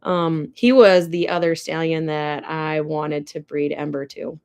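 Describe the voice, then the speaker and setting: A woman's voice: sits low, fairly even intonation, unhurried, a little mellow, clear, resonant tone. Young woman rambling on a ranch live stream, chatty, reads out chat questions. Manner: chatty, answers viewer comments, gushes. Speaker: livestream host. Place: ranch barn or home.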